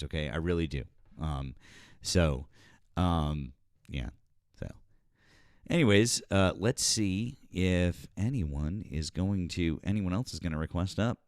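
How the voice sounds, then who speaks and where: A man with a lowish voice hosts a live stream in loose, casual chat. He often stumbles and repeats himself as he searches for words. The sound is dry and close, with no room around it. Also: no echo. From northeastern United States.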